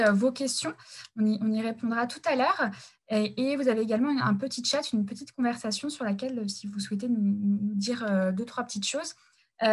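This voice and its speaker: Hesitant woman hosting a webinar. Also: fairly high pitch. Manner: hesitant, many fillers and restarts. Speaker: webinar host and support worker.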